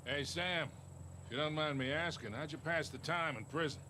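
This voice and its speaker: An actor playing a dry, gruff older male smuggler and mentor in video game dialogue. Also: fairly high pitch, moderate pace, bright, forceful tone. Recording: game audio with ambient noise.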